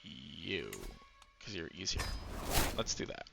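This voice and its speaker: A man's voice: sits low, expressive, takes it slowly, vocal fry, loud music behind the voice. A man giving casual commentary while playing a strategy game, musing aloud with frequent fillers. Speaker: gameplay commentator.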